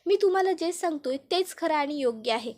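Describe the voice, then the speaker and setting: A woman voicing a polite man who softly pleads with a police inspector, in a TV serial retelling. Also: high-pitched, animated, brisk. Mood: pleading. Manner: soft, placating.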